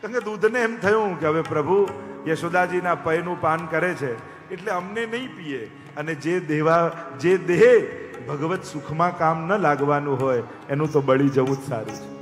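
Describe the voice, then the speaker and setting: A man preaching a devotional story sermon as a katha narrator, animated and acting out each character. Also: a little high, moderate pace. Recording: echoey hall with faint music.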